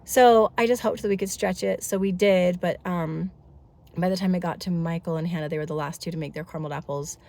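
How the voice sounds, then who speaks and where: A woman's voice: fairly low pitch, fairly even intonation, brisk, a little mellow. A woman in her thirties chatting casually in a family vlog, congested from a head cold, talkative and rambling with lots of asides. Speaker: family vlogger.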